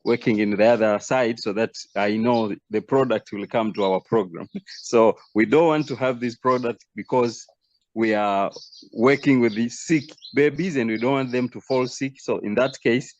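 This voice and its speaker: A man from Tanzania, a doctor, introducing himself on a video call, halting and laughing lightly. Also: mid-range voice. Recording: dull, lo-fi call audio.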